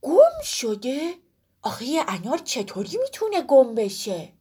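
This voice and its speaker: Young, puzzled storybook child voiced by a woman: high, bouncy, always asking. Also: very animated, darkish tone. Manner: questioning, surprised.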